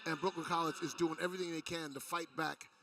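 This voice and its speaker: A man's voice: fairly high pitch, little pitch movement, fast, a crowd in the background. A man giving color commentary at a college basketball game, with chatty, opinionated asides. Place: college gym. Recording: distant mic in a gym.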